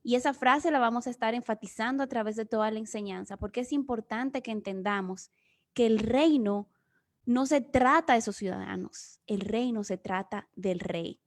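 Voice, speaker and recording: As a guest speaker on a remote video session, a Dominican woman gives an earnest Bible teaching full of explanation in her Dominican Spanish accent. Her voice is a little high and her pace moderate.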